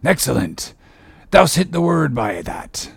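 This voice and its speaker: A man's voice: fairly high pitch, sing-song, unhurried, no room sound, heavily acted. A man playing a grandiose, brooding, tormented whaling captain in a dramatic audiobook, with archaic, commanding speech. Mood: probing, sardonic. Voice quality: gravelly, husky. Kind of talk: dramatic audiobook character reading.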